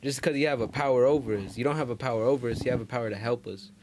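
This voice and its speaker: A man co-hosting a podcast races through casual conversation in a mid-range voice against a noisy background. He talks in slangy, profane phrases, repeating them for emphasis.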